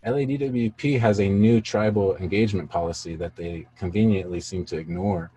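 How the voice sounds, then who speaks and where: A man in his thirties speaks over a video call with a very low, husky voice. He talks earnestly about community work, rambling and filling pauses. The sound is a home setup with a small earbud mic. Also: steady tone, mellow, rough recording. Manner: earnest, rambling, many fillers. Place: indoor room, studio gear behind.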